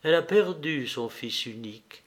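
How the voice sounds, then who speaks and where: A man's voice: fairly high pitch, animated, moderate pace, lightly acted. Pious zealous countess, read by a man. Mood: fervent. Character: pious, fervent aristocratic countess, middle-aged woman.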